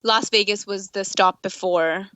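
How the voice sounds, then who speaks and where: Young woman, podcast guest, friendly, lots of ums, bright voice, dry close sound. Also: medium pitch, fairly even intonation, a little slow, smooth, dry recording, lo-fi sound. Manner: friendly, giggly, many ums. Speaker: activist guest. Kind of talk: podcast interview.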